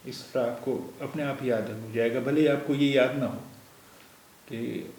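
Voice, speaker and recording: A man's voice: medium pitch, steady tone, a little mellow. A man teaching a language lesson, patiently explaining each point step by step and repeating terms. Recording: echoey room with faint noise.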